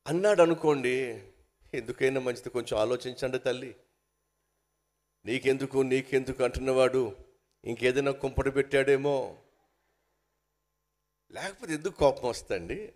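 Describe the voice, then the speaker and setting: A man's voice: medium pitch, moderate pace, pauses often. A man from India preaching a sermon. He addresses his listeners as sisters and brothers and acts out angry quarrels in raised voices. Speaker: pastor.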